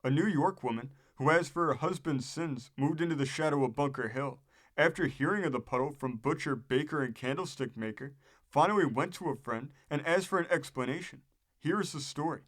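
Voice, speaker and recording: A man's voice: fairly high pitch, brisk, fairly bright tone. A man reading an old newspaper story aloud as scripted narration, as the host of a history program.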